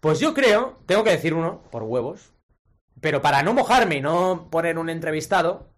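A man's voice: fairly high pitch, sing-song, moderate pace. A man co-hosting a podcast, chatting casually in a rambling, slangy way. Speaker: podcast co-host. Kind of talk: casual chat.

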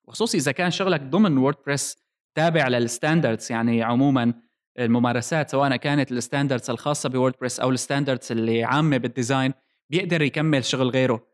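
A man's voice: mid-range voice, racing. A man with a Levantine Arabic accent hosting a casual tech discussion, explaining things and dropping in English technical terms. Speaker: podcast host.

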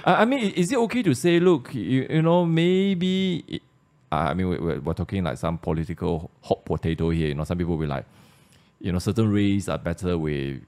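A Malaysian man hosting a podcast, thinking aloud in a relaxed discussion and often repeating words as he works out his point. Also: deep voice, a little fast. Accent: Malaysian English. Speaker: podcast host. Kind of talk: casual discussion.

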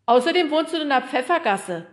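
A woman's voice: high voice, expressive, fairly quick, pitched above the performer's own voice. A woman doing a laid-back hippie postman. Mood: chummy.

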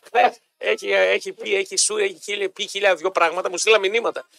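A man's voice: high-pitched, steady tone, gravelly, a bit bright. A Greek man co-hosting a casual radio show, teasing his partner and talking over him. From Greece. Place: radio studio. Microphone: studio microphone.

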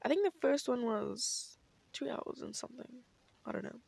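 A woman's voice: fairly high pitch, animated, normal speed, gravelly, darkish tone, no room sound. A young woman chatting casually as a solo podcast host in a bubbly, gushing, girlish way, peppering her talk with filler words.

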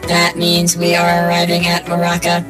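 A woman voicing a calm, dutiful male robot with a robotic voice, giving flat, formal reports. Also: on the low side, moderate pace, reverberant, natural voice, rough recording. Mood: matter-of-fact. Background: soft music.

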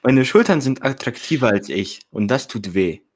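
A man's voice: medium pitch, animated, moderate pace. A young man co-hosting a casual podcast, talking in a self-mocking, slangy way with English words mixed in. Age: teenager or young adult. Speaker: podcast co-host.

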